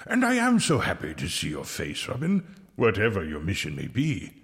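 An actor playing a kindly, wry medieval friar who speaks in a measured, pastoral, gently reproving way in an audio drama. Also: male voice, sits low, huge pitch swings, creaky, full character voice. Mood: gently teasing. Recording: long reverberant hall.

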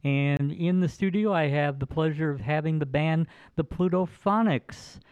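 A man's voice: a little high, steady tone, moderate pace, darkish tone, clear, resonant tone, no room sound. A man hosting as a DJ in a studio, chatting casually and teasing his guests. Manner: teasing, jokey. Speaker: radio DJ host. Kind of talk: casual live studio chat. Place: broadcast studio. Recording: dull lo-fi dry studio sound.

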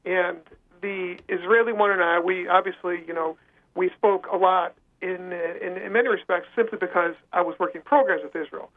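A man heard over a phone line, telling his own story as an interview guest in a halting, earnest way. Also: high voice, steady tone.

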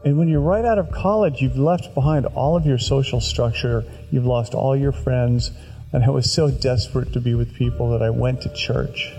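A man's voice: medium pitch, normal speed, mellow, slightly rough, rough recording. A man, an author, telling wry personal anecdotes and acting out the remarks he quotes. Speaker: author telling the story behind a novel. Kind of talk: anecdotal storytelling. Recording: music laid under the voice. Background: background music.

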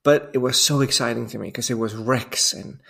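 Dutch guy in his 40s, gravelly voice, rambly chatty podcast guest laughing at his own stories. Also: medium pitch, steady tone, fairly quick, bright, forceful tone. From Netherlands. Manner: rambling, self-amused storytelling with frequent fillers. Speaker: guest diving instructor. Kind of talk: casual podcast interview.

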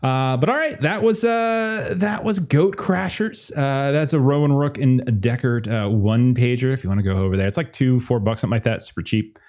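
A man's voice: mid-range voice, fast, hardly any pauses, warm tone. A man narrating as game master, easygoing and rambling, with many fillers and restarts.

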